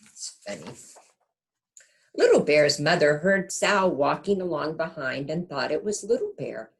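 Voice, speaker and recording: Reading to a group of young kids, a low-pitched woman performs the story expressively, teacher-fashion, and breaks off occasionally to check in with them.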